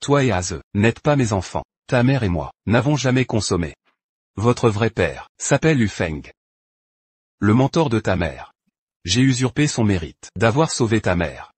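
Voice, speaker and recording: An actor playing a proud, vindictive middle-aged duke in a French drama dub, harsh and threatening in manner. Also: male voice, fairly low pitch, sing-song, a little slow, a little mellow, husky, dry recording, heavily acted. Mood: confessing.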